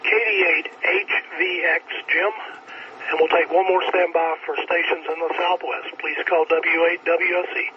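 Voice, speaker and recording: High-voiced man calling a radio net through static. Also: little pitch movement, moderate pace. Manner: methodical, procedural call-and-acknowledge delivery. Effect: radio transmission with static. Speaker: net control operator. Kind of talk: amateur radio net check-ins. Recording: muffled lo-fi radio with clear static.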